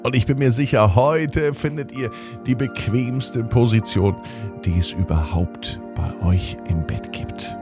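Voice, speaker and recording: A man's voice: medium pitch, a little slow, music in the background. A man hosting and narrating bedtime stories for children, addressing young listeners directly in simple, explanatory phrases. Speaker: podcast host and bedtime storyteller.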